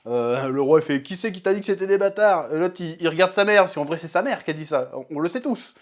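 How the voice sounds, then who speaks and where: A young man giving a casual, slangy episode review, animated and acting out scenes in quick voices. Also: fairly high pitch. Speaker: TV series reviewer.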